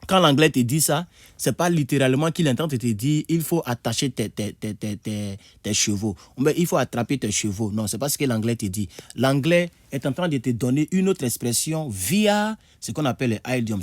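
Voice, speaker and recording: A man teaching English idioms in a video lesson, repeating words and jumping high to act out phrases. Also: lively intonation, normal speed, dry recording. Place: indoor room with a board.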